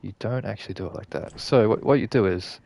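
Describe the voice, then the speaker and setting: A male game streamer whose low voice is gravelly with vocal fry. He explains a glitch in casual gameplay commentary, rambling, correcting himself and swearing freely. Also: fast, warm tone. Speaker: gaming streamer.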